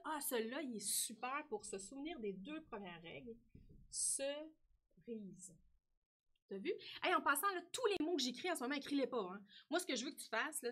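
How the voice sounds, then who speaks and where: A woman's voice: high voice, fairly bright tone, breathy edge. A woman teacher with a Québécois French accent who gives a spelling lesson to young children, talks to the child directly and keeps asking "hein?".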